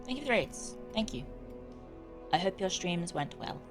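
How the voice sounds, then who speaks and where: Woman game streamer, very lively pitch. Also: normal speed. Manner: chatty, reacting aloud with exclamations. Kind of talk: casual live stream commentary. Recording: music behind the voice. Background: game music.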